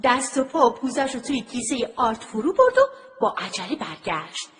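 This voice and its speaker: Lively woman telling a children's story. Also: a little high. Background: music.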